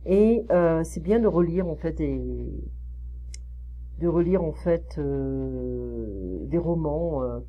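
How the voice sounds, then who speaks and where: A French woman tutoring French one-on-one, explaining slowly with many fillers and modelling pronunciation. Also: low-pitched, lo-fi sound. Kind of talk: one-on-one online French lesson.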